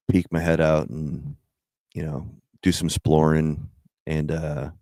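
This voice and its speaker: Very deep, gravelly man chatting casually. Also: a little mellow, dry recording. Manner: rambling, slangy, profane. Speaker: livestream host chatting with viewers. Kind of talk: casual livestream chat.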